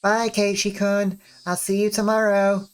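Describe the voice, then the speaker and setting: A reader voicing a sweet, cheerful teenage schoolgirl in a visual novel, in a bright, sing-song voice raised well above their own. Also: medium pitch, monotone, a little slow, clean tone, pitched above the performer's own voice, lightly acted. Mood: sweet, concerned. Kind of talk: reading a visual novel aloud.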